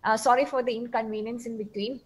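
A woman's voice: fairly high pitch, steady tone, fast, poor audio. A woman moderating a talk, thanking the speaker in a hesitant way with many fillers. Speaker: host moderator. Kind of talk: closing remarks.

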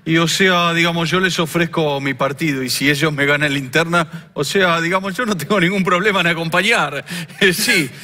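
A man impersonating a smug Argentine politician who rambles through endless "o sea, digamos" fillers and now and then erupts into shouting. The voice sits fairly high and sounds very bright and forceful. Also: fairly quick. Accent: Argentine Spanish. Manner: filler-laden, saying "o sea, digamos" constantly, with bursts of shouting. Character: man impersonating a libertarian presidential candidate. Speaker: comedian on a radio show. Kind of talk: satirical impersonation sketch.

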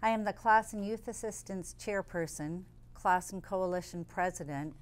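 A woman's voice: lowish voice, normal speed. A woman candidate giving a formal introduction at a forum, listing her credentials. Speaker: candidate, former mayor. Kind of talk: campaign forum statement.

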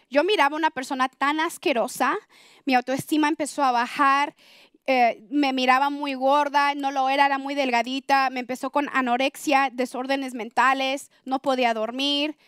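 A woman's voice: sits high, fairly bright tone, clean tone, no echo, clean studio sound. A woman giving a personal conversion testimony to an audience, earnest and confessional, growing more intense as she tells it.

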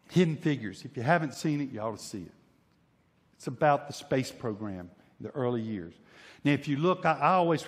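A man's voice: a little high, long reverb tail. A male pastor preaching a sermon with emphasis, often repeating and restarting words and acting out imagined voices. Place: church sanctuary.

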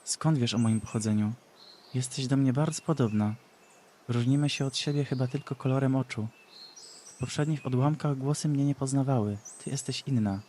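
A man's voice: mid-range voice, normal speed, warm tone, slight background noise, lightly acted. A man doing a proud young heroine goddess. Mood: puzzled.

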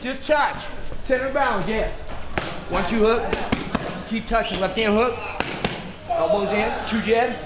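Guy boxing coach calling combos, high voice, short clipped commands, echoey gym w loud noise behind. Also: unhurried, pauses often. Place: open-air boxing gym, in the ring. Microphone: camera mic a few metres away.

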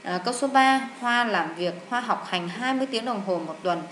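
A woman teaching English to students, walking through an exam in a chatty way, with lots of drawn-out fillers and repeated words. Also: on the high side, animated. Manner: addresses students warmly as "các bạn". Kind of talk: exam walkthrough lesson. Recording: echoey room with faint hiss.

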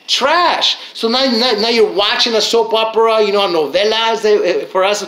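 A man's voice: high voice, normal speed, fairly bright tone, echoey room, poor audio. A man giving a motivational talk, preaching and repeating his key phrases, acting out little inner voices as he goes. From Mexican heritage. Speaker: motivational speaker.

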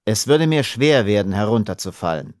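A dignified chief who speaks in cool, measured tones, low-voiced and unhurried as a male reader voices him. The audiobook recording is dry and close. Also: lively intonation, a little mellow, no room sound, close to an everyday voice. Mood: calm.

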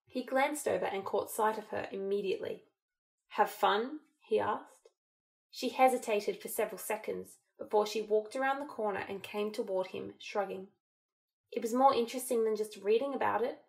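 A woman's voice: medium pitch, gravelly, a little mellow. Woman reading a fan audiobook steadily. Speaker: audiobook narrator.

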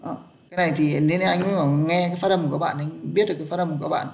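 A man's voice: on the high side, steady tone, racing, vocal fry, darkish tone. Man teaching pronunciation. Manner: patient, keeps checking that students follow. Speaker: English teacher. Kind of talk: live online pronunciation class.

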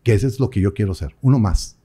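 Young priest, chatty storyteller, warm mellow voice. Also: male voice, lowish voice, quick pace, husky. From Mexico. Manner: animated storyteller, acts out quoted voices. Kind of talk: casual interview chat.

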